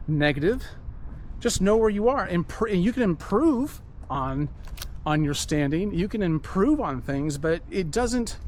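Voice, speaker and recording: A man with a voice on the high side talks earnestly while walking outdoors, delivering a reflective walk-and-talk vlog monologue. He rambles and repeats himself, with slight background noise.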